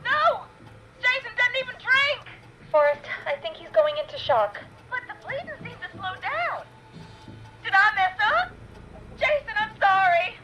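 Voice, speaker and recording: A woman's voice: very high-pitched, sing-song, measured pace, sharp tone, soft background music, exaggerated voice, poor audio. A woman playing a frightened young caller in a video game, pleading and apologetic as she tends to an injured man. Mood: panicked. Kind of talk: dramatic video game acting.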